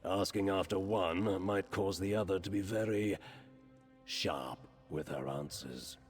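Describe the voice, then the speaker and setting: Over background music, a low-voiced man talking a little slowly plays a fantasy video game crime lord. His manner is insinuating and falsely polite, chatty with a sly menace as he bargains.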